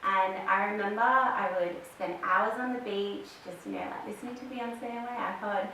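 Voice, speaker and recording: A woman in her thirties with an Australian accent chats as a podcast guest, telling her story with lots of fillers in a casual interview. Her voice is medium-pitched, pushed, and bright at a normal pace. The room is echoey, the mic distant, and there's faint hiss.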